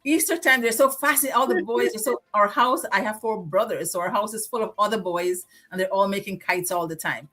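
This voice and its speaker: A woman with a Guyanese accent, co-hosting a casual live-stream chat and telling lively stories about growing up. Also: mid-range voice, brisk, few pauses. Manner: animated nostalgic storytelling. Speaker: co-host.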